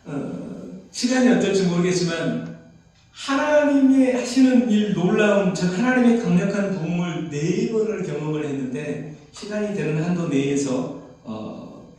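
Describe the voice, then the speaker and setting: A man's voice: high-pitched, lively intonation, a little slow, darkish tone. A man preaching a sermon as pastor, asking the congregation questions and acting out quoted voices. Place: prayer retreat hall. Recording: echoey hall from far off.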